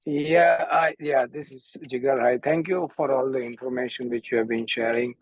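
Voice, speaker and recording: Husky man on a car speakerphone. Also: medium pitch, steady tone, moderate pace, no echo, lo-fi sound. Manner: polite, searching for words, restarts his questions. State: driving while he talks. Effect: car speakerphone, somewhat distant from the mic. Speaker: parent asking a question. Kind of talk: call-in question at a school info session.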